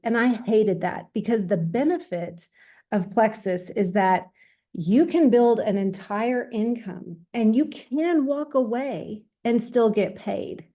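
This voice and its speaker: Female host, middle-aged. Soft-edged, mellow tone, chatty introductions. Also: mid-range voice. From small town in eastern Georgia, USA. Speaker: host, team leader. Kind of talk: conversational introduction on a group call.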